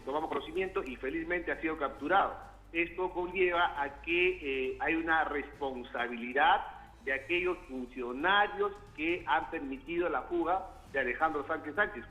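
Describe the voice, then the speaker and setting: A man from Peru, a congressman, speaking formally over a remote line in a news interview, often pausing with fillers and restarting phrases. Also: a little high, pushed and bright, muffled recording.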